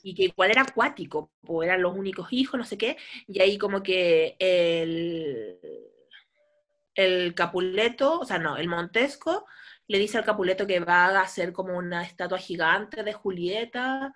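A woman's voice: lowish voice, moderate pace, fairly bright tone. Giggly woman retelling a story. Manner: laughing often, acts out quotes in a raised voice. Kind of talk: casual chat retelling a story.

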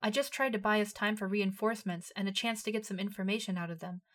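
A guilty young woman soldier, read by a woman narrator, speaks low and contrite. She is scheming by nature but sorry now, in a plain storybook voice. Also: steady tone, quick pace, a bit bright, close to an everyday voice.

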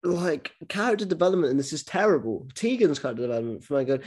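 A man's voice: on the high side, sing-song, fast talker, a little mellow, slightly rough. A man hosting a casual podcast chat, talking animatedly with lots of swearing and false starts. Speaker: podcast host.

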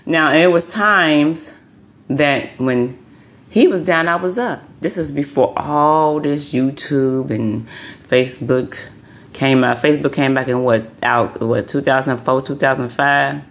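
A woman's voice: rumbling low, unhurried. A woman in her forties, a tarot card reader, delivering a heated, profane rant to her viewers and repeating her points for emphasis. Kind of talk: heated ranting monologue.

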